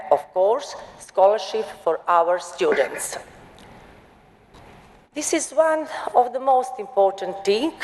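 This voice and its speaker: Woman presenting slowly in a large hall. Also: medium pitch, darkish tone. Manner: slow, deliberate delivery with non-native grammar. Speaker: panel speaker. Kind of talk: conference presentation. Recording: hall reverb.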